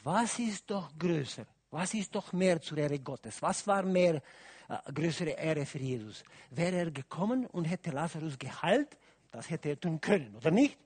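A man preaching a sermon, asking his listeners questions and swinging from quiet musing to loud, emphatic calls. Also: on the high side, expressive, measured pace, slightly rough. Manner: asks the audience questions, adds "oder?" often.

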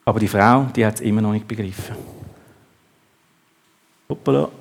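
A man's voice: fairly low pitch, normal speed, vocal fry. A man preaching a sermon, acting out the quotes in the story with a raised voice.

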